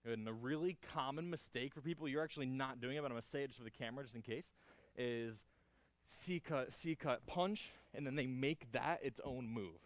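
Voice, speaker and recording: A man's voice: medium pitch, a little fast, dry recording. A man instructing a martial arts class, giving short clipped counts and cues along with encouraging feedback as he demonstrates moves.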